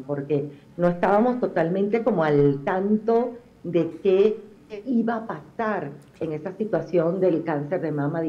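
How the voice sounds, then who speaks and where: A fairly low-pitched woman's voice, with the highs cut off, belongs to a middle-aged telenovela actress on a TV interview. She speaks Venezuelan-accented Spanish with some Argentine touches, chatty, expressive, and heavy on fillers.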